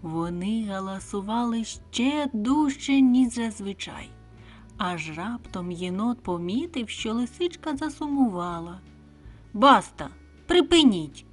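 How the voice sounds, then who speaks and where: A woman narrating a children's bedtime story in a soft, calm, unhurried manner. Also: a little high, faint music behind. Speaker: storyteller reading a children's audiobook.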